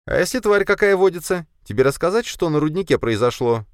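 Man doing bossy young female hunter, urgent, high and loud. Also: lively intonation, brisk, clean tone, no room sound, clean studio sound, lightly acted. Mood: hissing urgent. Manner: urgent, shouting orders. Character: young woman pursuer, sharp and bossy.

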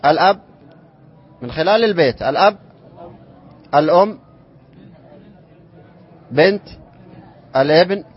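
A man teaching an Islamic inheritance lesson to students, reciting verse lines slowly and then explaining them and quizzing the class. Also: fairly high pitch, lively intonation, husky. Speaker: sheikh teaching inheritance law. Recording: dull lo-fi classroom recording.

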